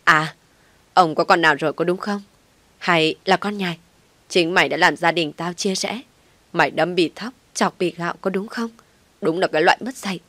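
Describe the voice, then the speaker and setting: A woman voicing a shrill, scolding older mother-in-law who screams insults in an audiobook story. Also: normal speed, a bit bright, no echo. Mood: furious shrieking.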